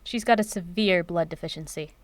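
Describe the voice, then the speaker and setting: Actress as Professor Van Helsing, brisk and dry-miked. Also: female voice, on the low side, no echo, close to an everyday voice. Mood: brisk, urgent. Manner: assured, instructive, decisive. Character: brisk, confident professor, mentor to a former student. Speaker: actor in audio drama. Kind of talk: naturalistic audio drama acting.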